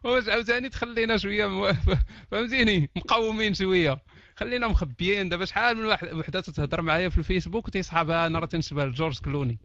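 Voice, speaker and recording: A man's voice: sits high, rapid-fire, no echo, dull audio. A Moroccan man with a Moroccan Arabic accent, chatting casually and jokingly to his online audience from behind his computer. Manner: animated, joking, laughs often. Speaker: online talk host. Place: at home behind a PC. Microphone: computer mic.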